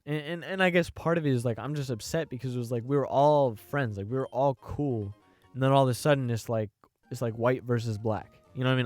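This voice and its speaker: A man's voice: medium pitch, a little mellow. Rambling, hesitant young man on a podcast. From United States. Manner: rambling, hesitant, full of "you know what I mean". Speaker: podcast host. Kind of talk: casual opinion monologue.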